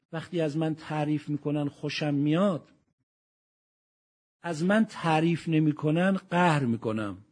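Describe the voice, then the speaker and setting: Man preaching with loud, drawn-out swells. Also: a little high. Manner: swings from soft reflection to loud exhortation; recites Arabic verses slowly and drawn out. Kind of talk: sermon with Quranic recitation.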